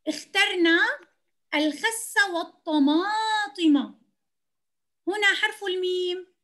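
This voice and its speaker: A kindergarten teacher teaches young children to read in an online lesson, speaking slowly, clearly, patiently and encouragingly. Her voice is very high with a sharp tone.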